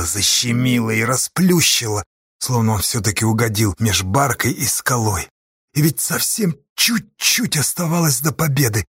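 A man narrating an audiobook in a measured, dramatic storytelling manner. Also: mid-range voice, fairly bright tone, breathy edge, no room sound, clean studio sound.

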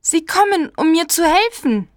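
A woman's voice: very high voice, big pitch swings, normal speed, no room sound, clean studio sound. A woman voicing a young girl in a storybook reading, speaking in an anxious, wondering way. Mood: hopeful. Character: young girl Clara, small and scared.

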